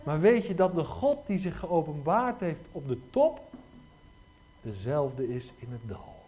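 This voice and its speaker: A middle-aged man preaching a lively sermon, often asking his listeners rhetorical questions. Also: a little high, a little slow. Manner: animated, frequent rhetorical questions.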